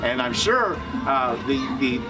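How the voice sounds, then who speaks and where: A man hosting a horror movie show, chatting casually outdoors in a rambling, halting way full of fillers. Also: medium pitch, very animated. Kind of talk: casual chat about films. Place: outdoors at a pumpkin farm haunt attraction. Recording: distant mic outdoors, loud music behind.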